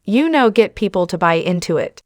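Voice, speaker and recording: A woman's voice: mid-range voice, expressive, a little fast, no room sound, studio quality. A woman hosting a channel, giving casual, opinionated commentary straight to her viewers with plenty of fillers. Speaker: channel host.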